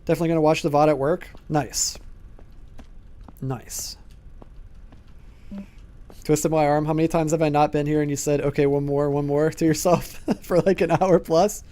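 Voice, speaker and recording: A young man live-streams a horror game and talks loosely to his viewers as he plays. His voice sits a little high for a man, and his talk is casual and chatty, broken up by laughs and quick replies to chat. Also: fairly even intonation, warm tone. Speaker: gaming streamer. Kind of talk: live-streamed gameplay commentary.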